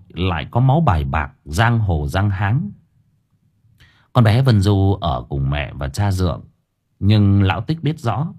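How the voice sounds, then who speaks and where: A man's voice: fairly low pitch, darkish tone, husky. A man narrating an audiobook story expressively.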